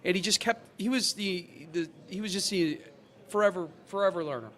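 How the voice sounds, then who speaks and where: A man hosting a fire service podcast, his voice sitting a little high. He talks in a halting way and restarts his sentences often. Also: a bit bright. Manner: halting, many fillers and restarts. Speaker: podcast host. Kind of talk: casual podcast chat.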